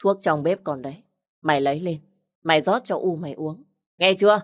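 A woman voicing a poor older village father who earnestly defends his daughter and gives gruff instructions. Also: low voice, a little fast, no room sound, studio quality, lightly acted. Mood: urgent.

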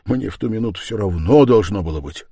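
A tormented young man pours out a feverish, bitter confession, as a male reader acts him out. His voice surges with agitation and swings lively in pitch, recorded dry and close in an audiobook style. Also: fast, dry recording. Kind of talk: audiobook character voice.

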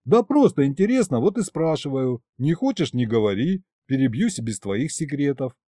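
A man's voice: mid-range voice, very animated, moderate pace, dark tone, no echo, studio quality. A man voicing a wry, teasing young male hero in an audiobook.

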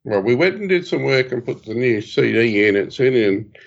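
A man's voice: mid-range voice, expressive, normal speed, vocal fry. A man calling in to a casual chat, giving plain, matter-of-fact updates. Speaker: caller. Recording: dull lo-fi call audio.

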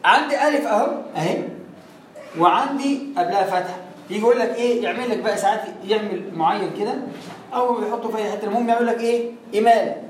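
A man's voice: sits high, very fast. A man with an Egyptian accent teaching recitation rules, patiently asking questions and answering them himself, drawing out sounds to demonstrate. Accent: Egyptian Arabic. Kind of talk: explaining tajweed rules. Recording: echoey room, distant mic, faint noise.

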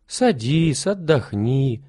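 A man voicing a kind, caring woman who talks gently and coaxingly in a storybook reading. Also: medium pitch, big pitch swings, slow, husky, no echo, studio quality, exaggerated voice. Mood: kindly. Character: kind, caring middle-aged woman host.

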